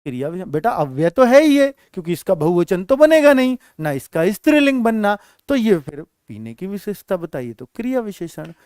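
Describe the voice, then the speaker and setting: Speaking in a high-pitched, clear and resonant voice with a darkish tone, a Hindi teacher runs through an exam-prep grammar lesson very animatedly, fairly fast and hardly pausing. He addresses the students as children and keeps checking that they're following, captured in a dry, studio-quality recording.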